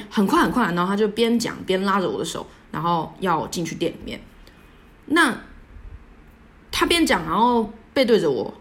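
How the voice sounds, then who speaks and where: A young woman with a lowish voice hosts a podcast by herself, telling a personal story. She halts, restarts often, and pokes fun at herself.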